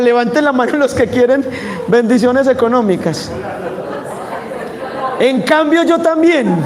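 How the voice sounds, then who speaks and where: A man with a Colombian Spanish accent preaching a sermon, animated and asking his audience questions. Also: very high-pitched.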